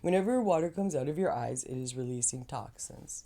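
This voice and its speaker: A woman's voice: rumbling low, lively intonation, brisk, dark tone. A woman giving rambling, slangy self-help advice in a casual vlog, chatty and full of asides. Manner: rambling and slangy, says man and dude; chatty with frequent fillers and laughs. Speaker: vlogger.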